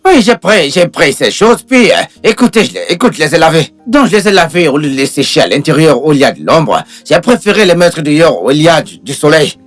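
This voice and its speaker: A woman's voice: low voice, sing-song, brisk, hardly any pauses, faint music behind. Woman acting brash rambling village helper, swooping delivery. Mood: flustered, unbothered. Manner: rambling, insistent, full of interjections. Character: brash, stubborn village helper, bumbling and unbothered. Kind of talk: dubbed film drama.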